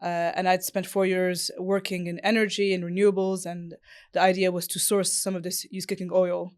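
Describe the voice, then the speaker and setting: A woman's voice: fairly low pitch, little pitch movement, normal speed, darkish tone, clean tone. A woman from Morocco, a business founder and interview guest, who answers fluently and thoughtfully with frequent fillers.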